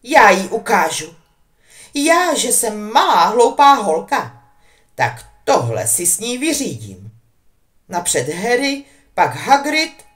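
A woman voicing a fierce, indignant teenage witch girl who talks loud and heated. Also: a little high, very animated, voice pushed up. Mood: furious.

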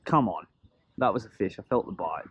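A man's voice: on the low side, animated, a little fast. A middle-aged man chatting with his son while fishing from a boat, matter-of-fact and teasing. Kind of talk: casual chat while fishing. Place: outdoors on a lagoon, on a boat. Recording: dull lo-fi sound with outdoor noise.

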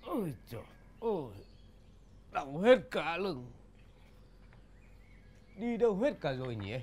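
An actor playing an aging lord of a manor with a sore back, musing aloud slowly and in puzzlement. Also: male voice, a little high, big pitch swings, a little mellow, slight background noise. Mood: puzzled.

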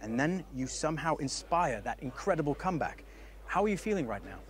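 A man voicing a professional male sports interviewer in a video game, asking crisp post-match questions. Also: fairly high pitch, sing-song. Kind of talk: scripted game dialogue.

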